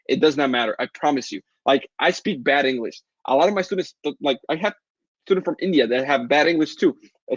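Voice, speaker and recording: A man with a Latin American Spanish accent rattles through a live webinar Q&A, upbeat and pushy like a sales pitch. His voice is a little husky, and he talks quickly. The audio is dry and a bit muffled. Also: dry recording. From Caribbean. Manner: fast, upbeat sales pitch answering chat questions. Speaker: online course seller hosting a webinar.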